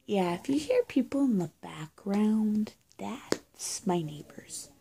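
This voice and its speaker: A young woman who makes roleplay videos improvises to camera as a witch tending someone who's been hurt. Her mid-range voice is dark-toned and expressive, halting, confiding and breathy, often sinking toward a whisper. She's in a small room with bare walls, recorded on a phone or webcam held at arm's length.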